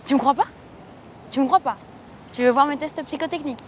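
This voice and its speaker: Over clear location noise, a young woman in her twenties played by an actress speaks as a brash, ambitious recruiter. She is insistent and boastful, talking in casual slang in naturalistic web-drama style. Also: high-pitched, a little fast, natural voice. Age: 20s. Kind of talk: naturalistic screen drama dialogue. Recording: clearly noisy location recording.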